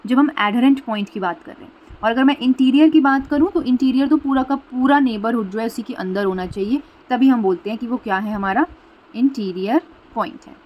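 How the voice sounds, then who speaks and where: A woman maths teacher walks through a lesson at an easy, patient pace. She repeats each key idea and checks that listeners follow, slipping English terms into her explanation. Her voice sits a little higher than most women's. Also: fairly quick, muffled recording. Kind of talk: explaining a math lesson at a board.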